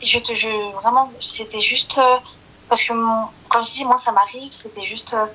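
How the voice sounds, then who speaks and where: A woman with a small, soft voice calling into a live chat, hesitant, stammering and apologetic. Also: on the high side, steady tone, normal speed, breathy edge, low-quality recording. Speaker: caller. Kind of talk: casual call-in chat.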